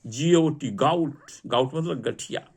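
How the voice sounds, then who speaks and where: Man, classroom teacher, slow deliberate pace, husky voice, drills vocabulary. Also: mid-range voice. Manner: drills word meanings, asks students to repeat. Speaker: English teacher.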